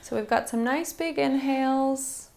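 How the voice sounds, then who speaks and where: A woman instructor softly guiding a breathing exercise in a soothing, encouraging manner, with background noise in the recording. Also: high-pitched, a little slow. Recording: faint-to-clear background noise and ambience.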